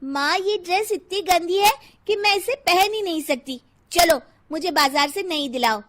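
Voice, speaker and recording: A woman voicing a young schoolgirl daughter in an animated cartoon, whiny and loud. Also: very high voice, measured pace, dry recording, pitched above the performer's own voice, heavily acted.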